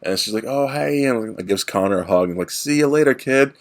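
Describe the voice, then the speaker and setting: A man's voice: medium pitch, animated, brisk. A man co-hosting a podcast, casually retelling a film's plot in a rambling way and slipping into playful voices for the characters. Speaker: podcast co-host. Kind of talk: casual movie recap.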